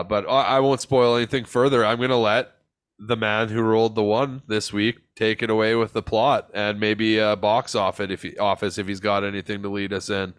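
A podcast host with a fairly low, slightly bright voice sounds stuffed-up and congested as he chats casually. He's loose and laid-back, tossing in fillers and the occasional swear, and the audio is dry with no room sound at all.

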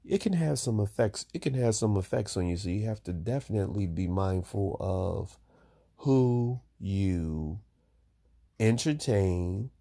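A middle-aged man hosts his own podcast in an easygoing, rambling way, circling back and repeating his points. His voice sits a little low. He fills the gaps between songs with loose, unhurried talk full of fillers. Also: lively intonation, warm tone. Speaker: podcast host.

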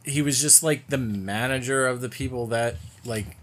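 A man's voice: mid-range voice, moderate pace, fairly bright tone, a little hiss or hum. A man co-hosting a podcast in casual chat, rambling and filling his talk with loose asides. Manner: rambling, filler-heavy, loose. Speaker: podcast co-host.

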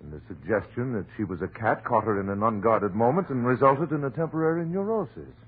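A man playing a steady, authoritative doctor with a firm, soothing manner in a 1940s radio horror play. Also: mid-range voice, fairly quick, slightly rough. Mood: firm, reassuring. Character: steady, authoritative male doctor calming a distraught friend. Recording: muffled, faintly noisy old radio recording.

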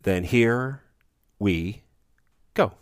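A man co-hosting a casual sports podcast, talking in an animated way that swings between excited boasting and mock-confessional asides. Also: fairly low pitch, very slow, no room sound, studio quality. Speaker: podcast co-host.

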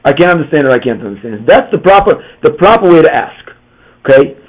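A man's voice: a little high, sing-song, fast talker. A man teaching an informal Torah class, often repeating words and asking "right?" as he goes. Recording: muffled lo-fi room recording.

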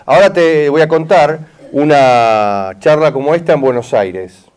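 There's a smooth, slightly mellow quality to this middle-aged man's a-little-high voice, and he takes his time. As a therapist with a River Plate accent, he runs a consultation with an audience member, insistently repeating "¿está bien?" and "mirá" to check he's understood.

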